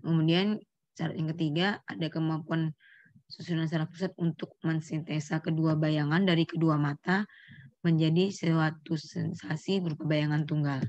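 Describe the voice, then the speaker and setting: A middle-aged woman with a low, dry voice delivers a medical lecture to students. She explains term after term, quizzes the class, and corrects herself mid-phrase. The recording sounds dull and lo-fi. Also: steady tone, moderate pace, a little mellow, no room sound. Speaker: neurology lecturer.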